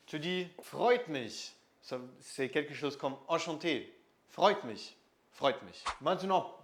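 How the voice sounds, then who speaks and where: A young man from northern Germany teaching German in a casual lesson, slowly repeating words so they stick. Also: a little high. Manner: slow and patient, repeats words to drill them.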